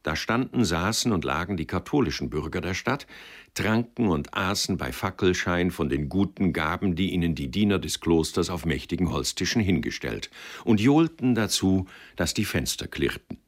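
A man reading a novel aloud in a measured, expressive storytelling manner. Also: sits low. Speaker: reader. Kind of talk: literary reading.

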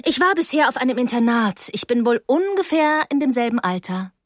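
A woman's voice: on the high side, sing-song, fairly quick, no room sound, clean studio sound, voice pushed up. A woman voicing a breezy, self-assured teenage schoolgirl who speaks in an airy and carefree way. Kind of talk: audiobook character voice.

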